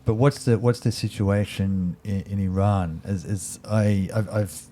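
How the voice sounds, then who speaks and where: A man, an interviewer asking gentle, probing questions and giving frequent affirmations. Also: fairly low pitch, fairly even intonation, a little slow, slight background noise. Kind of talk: casual interview.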